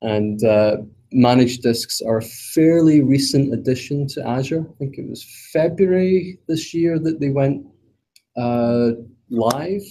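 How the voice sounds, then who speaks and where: The recording is low-quality with slight background noise as a Scottish man gives a technical meetup talk, also streamed online. His mid-range voice is mellow and measured in pace, and he hesitates frequently, leaning on fillers and some self-deprecating humor.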